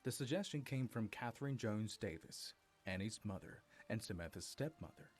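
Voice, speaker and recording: A man telling a dramatic family story as narrator, with a steady storytelling delivery. His voice sits on the low side, and his pitch moves in lively arcs to carry the tension. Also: normal speed, faint music behind.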